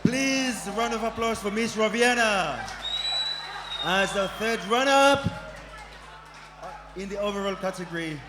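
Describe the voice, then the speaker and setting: A man's voice: sits high, a little slow, pauses often, background noise. A man hosting a pageant, announcing winners emphatically and repeating them to a live audience. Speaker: pageant host. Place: live stage event with audience. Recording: echoey PA over loud music and crowd.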